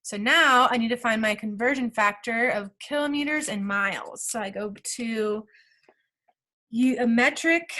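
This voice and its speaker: A woman's voice: fairly high pitch, sharp tone. A woman teacher talking through math problem steps aloud in a recorded lesson, checking in with the class as she goes.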